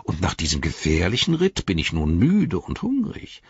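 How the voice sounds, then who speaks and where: Man voicing a sniveling traitor, whining and high, husky, audiobook. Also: wildly swooping pitch, normal speed, a little mellow, highs cut off, full character voice. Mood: fawning. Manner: whining, pleading. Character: cringing, whining treacherous male advisor.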